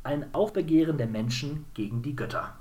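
A man's voice: on the high side, normal speed, darkish tone. Chatty man rambling through a games podcast. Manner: rambling, many fillers and self-corrections. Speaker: podcast co-host. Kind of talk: casual game podcast chat.

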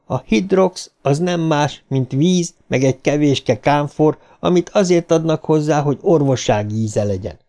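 A man reading a smug, quietly threatening middle-aged pharmacist in an audiobook, calm and self-satisfied. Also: on the high side, hardly any pauses, natural voice.

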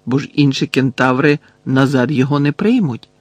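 A man's voice: mid-range voice, normal speed, dry recording, natural voice. A man reading an audiobook, voicing a reserved teenage schoolboy who gives short, subdued replies. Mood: matter-of-fact. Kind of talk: audiobook character voice.

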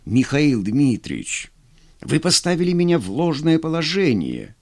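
A man's voice: on the high side, big pitch swings, measured pace, a little mellow, voice pushed up. A man doing a reproachful formal civilian.

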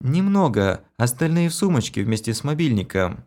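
Man doing a young woman, high and snappy, blunt, lively voice. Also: moderate pace, close to an everyday voice. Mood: curious.

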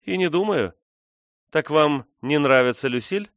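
A man's voice: on the high side, expressive, a little slow, fairly bright tone, no room sound, clean studio sound, pitched above the performer's own voice. A man reading the part of a spirited young woman in an audiobook, teasing and defiant. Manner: teasing, challenging.

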